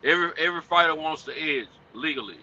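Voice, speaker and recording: A man's voice: fairly high pitch, quick pace, pushed and bright. A man on a remote call to a casual sports debate, his audio breaking up and cutting in and out, talking in rambling runs with restarts. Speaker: remote panelist on a talk show. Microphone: remote call connection. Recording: muffled call line with faint hiss.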